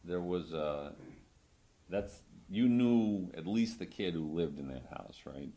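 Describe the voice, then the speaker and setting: A lawyer questions a witness in court, conversational and halting, seeking confirmation as he goes. His voice is deep, expressive and dark in tone.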